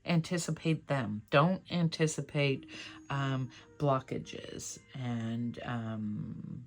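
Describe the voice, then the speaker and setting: Slow-paced, encouraging tarot card reader. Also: medium pitch. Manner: encouraging, affirming, conversational. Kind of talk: casual pick-a-card tarot reading to viewers.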